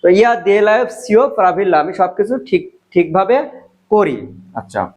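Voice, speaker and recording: A man teaching a spoken language lesson, repeating each word slowly and spelling out sounds. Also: high voice, a little mellow, rough recording. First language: Bengali.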